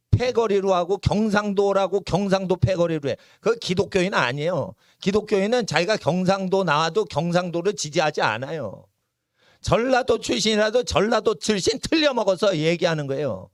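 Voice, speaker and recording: A man's voice: dry recording, clean studio sound. A man preaching a fiery sermon at a church service, emphatic and often asking the congregation to respond, then leading a chanting prayer. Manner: emphatic, keeps asking the crowd "예?"; chanting prayer rising in pitch. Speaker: pastor.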